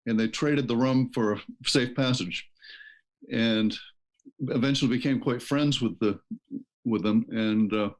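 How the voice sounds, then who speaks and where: A middle-aged man from Maine, a book author telling family history in a casual interview, rambling with many ums and restarts. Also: medium pitch. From Maine, USA. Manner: rambling, hesitant with many fillers. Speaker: author guest.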